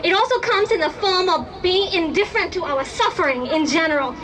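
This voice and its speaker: A woman's voice: very high voice, lively intonation, fairly quick, a bit bright, a little hiss or hum. A young woman from Burma giving an impassioned, emphatic speech to a crowd at a protest rally. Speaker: rally speaker.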